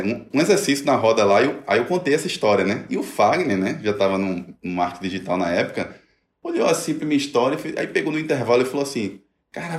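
Middle-aged man, animated storyteller who acts out quoted voices; echoey room. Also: fairly low pitch. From Brazil. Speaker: guest telling his story. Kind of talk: personal story in a conversation.

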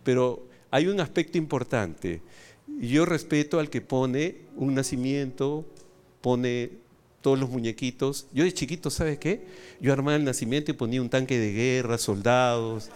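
A man's voice: medium pitch, normal speed, darkish tone, smooth. A man pastor with a Peruvian accent preaching a sermon, telling playful stories, acting out both sides of dialogues and asking the audience questions. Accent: Peruvian Spanish. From Peru. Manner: asks the audience questions and has them repeat. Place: church auditorium.

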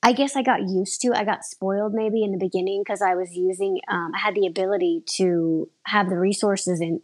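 A woman's voice: mid-range voice, darkish tone, breathy edge. A woman in her thirties, an aerial performer, chatting casually in an interview. She rambles and often restarts her sentences.

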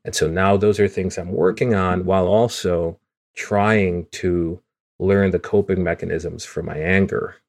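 A man's voice: low-pitched, steady tone, measured pace. A man from Guyana talking openly and earnestly about personal struggles in a casual podcast conversation, often restarting his words. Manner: earnest and open, with frequent restarts. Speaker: podcast co-host.

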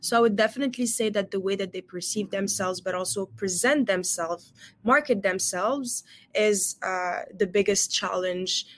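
A young woman from Morocco, guest on a podcast interview, talking earnestly as an empowerment coach with frequent pauses. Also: medium pitch, slight background noise. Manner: earnest, fluent, frequent "uh" fillers.

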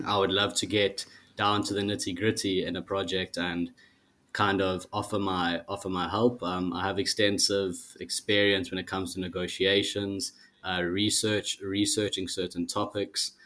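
A young man in his twenties introducing himself as a guest on a casual podcast, in a measured way with some fillers. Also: low voice, flat delivery, pushed and bright. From South Africa. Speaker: guest, project team member.

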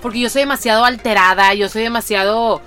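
An outgoing, expressive woman with a Mexican accent chatting casually. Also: fairly high pitch, a little fast, soft background music. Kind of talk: casual chat.

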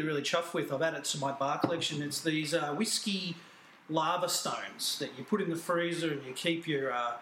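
An Australian man on a podcast panel, chatting casually through a computer microphone. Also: a little high. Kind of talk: casual chat. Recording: echoey, noisy computer microphone.

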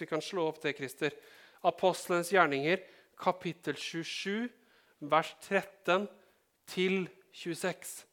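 This pastor, a man from Norway, has a high and slightly bright voice. His sermon is conversational, as he checks in with the congregation and adds joking asides.

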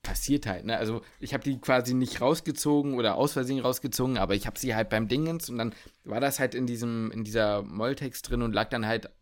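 A man's voice: mid-range voice, fairly quick, few pauses. A young man, a medical student co-hosting a casual podcast, talking loosely with lots of fillers. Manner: loose, rambling with many fillers. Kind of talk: casual chat.

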